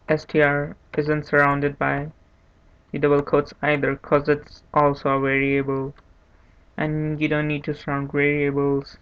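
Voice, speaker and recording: Male tutorial host, monotone and unhurried, slightly higher voice, dull lo-fi mic with faint hiss. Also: smooth. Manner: monotone, unhurried, thinking aloud with restarts. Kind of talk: screen-recorded coding tutorial. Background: keyboard typing and clicks.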